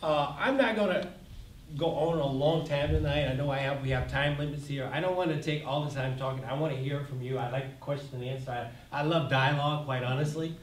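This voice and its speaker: An older man, a college president, giving a relaxed, conversational address to students, joking and using many fillers. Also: fairly high pitch, a little fast. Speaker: community college president, guest speaker. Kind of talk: informal lecture address. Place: lecture hall with an audience. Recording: echoey hall, mic from far off, faint noise.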